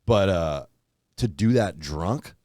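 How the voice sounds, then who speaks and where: A man hosting a podcast in casual chat, animated, laughing often and swearing freely. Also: sits low, slow pace, dry recording, clean studio sound.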